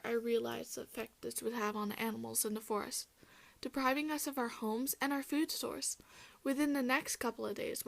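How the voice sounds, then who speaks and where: A woman's voice: a little high, fairly bright tone. A woman voicing a chatty hybrid caribou-camel-fish creature who tells her own story straight to the listener, like storybook narration. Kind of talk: first-person storybook narration.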